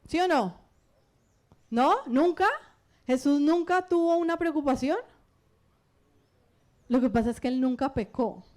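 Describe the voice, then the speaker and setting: A middle-aged woman with a Colombian accent preaches with lively energy, often turning to the congregation with questions. Her voice sits high and bright. She moves quickly between statements and questions. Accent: Colombian Spanish. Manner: animated, asks the congregation questions. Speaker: pastor. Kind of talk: lively sermon.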